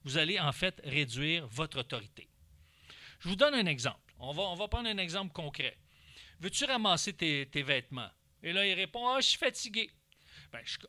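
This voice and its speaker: Lively Québécois man giving parenting advice. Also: a little high, no echo. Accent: Québécois French. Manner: animated, briefly acts out parent and child lines. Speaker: parenting instructor. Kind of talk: instructional talk.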